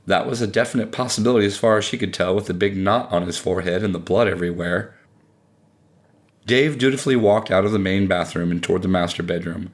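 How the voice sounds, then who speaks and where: Male audiobook narrator, lowish voice, steady measured storytelling.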